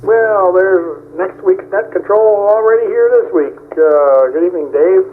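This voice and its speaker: Man on a staticky ham radio. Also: high-pitched. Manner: easygoing, chuckling, drawn-out. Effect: amateur radio transmission with static. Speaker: net control operator. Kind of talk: amateur radio net check-ins. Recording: tinny radio with faint static.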